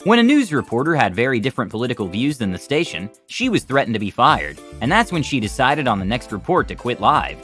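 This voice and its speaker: Reading a script for a video compilation, a man explains things in a lightly wry way while music plays beneath his voice. He speaks at a medium pitch in a sing-song manner, quickly and with few pauses.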